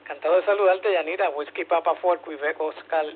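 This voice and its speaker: A man with a slightly high voice and a Puerto Rican accent leads a ham radio net. He speaks informally in short phrases with questioning tags, through a tinny radio link with faint hum and noise. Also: fairly even intonation, fairly quick. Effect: two-way radio transmission. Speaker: amateur radio net controller.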